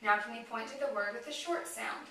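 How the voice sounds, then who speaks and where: A woman working as a speech therapist, talking slowly and encouragingly to a child in exaggerated, simple phrases. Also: a little high, bright, forceful tone, slight background noise. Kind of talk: child-directed therapy demonstration. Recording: echoey room, mic far off.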